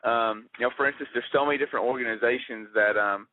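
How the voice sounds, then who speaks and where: A man's voice: mid-range voice, fast. A young man who is a regular on a radio show, rambling with many fillers. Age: young adult. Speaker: regular segment contributor. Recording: dry lo-fi radio broadcast.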